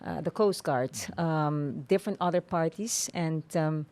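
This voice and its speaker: A woman with an Aruban accent explaining things formally and in measured, hesitant phrases as an interview guest. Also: deep voice, darkish tone. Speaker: tourism authority official, interview guest.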